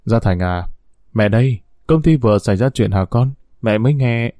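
A man reading a storybook as a calm, level-headed older mother who speaks in a measured way. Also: fairly low pitch, no room sound, studio quality, lightly acted.

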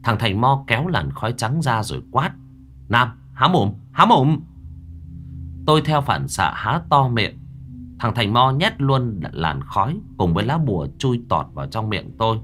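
A man's voice: medium pitch, very animated, moderate pace, fairly bright tone. A man narrating a horror story in the first person with dramatic, vivid delivery.

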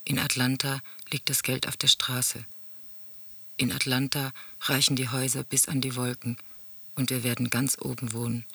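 In a radio drama, a male actor takes the role of a sombre narrator, reciting grim memories and letters in a husky, solemn, measured mid-range voice. His tone is level yet sharp, the delivery exaggerated, and the mood grave. The recording is dry.

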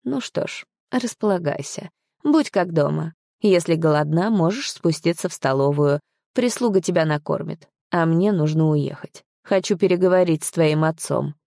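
A woman's voice: low voice, lively intonation, moderate pace, creaky, mellow, no echo, clean studio sound. A woman reading a smug, domineering young man. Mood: smug, commanding. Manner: mocking, commanding.

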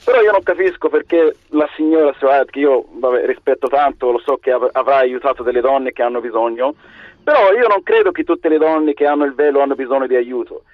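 A man with a Moroccan accent calling a radio phone-in, speaking spontaneously and haltingly, restarting his phrases. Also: medium pitch, no echo. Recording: dull, band-limited phone line.

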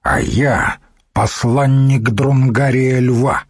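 A man's voice: medium pitch, steady tone, slow, slightly rough, no room sound, clean studio sound. A man voicing a haughty palace official who gives curt commands in an audiobook.

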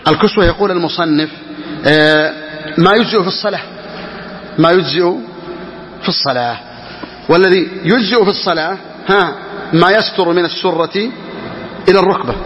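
A man teaching Islamic law to a class, reading lines slowly and repeating key phrases as he explains. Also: high voice, a little hiss or hum. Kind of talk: classroom lesson explaining a legal text. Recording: dull lo-fi recording with hall reverb.

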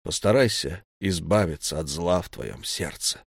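A man voicing a male god who speaks slowly and measuredly, with lofty regret. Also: low-pitched, creaky, slightly rough, dry recording, studio quality, voice pushed down, heavily acted. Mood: calm.

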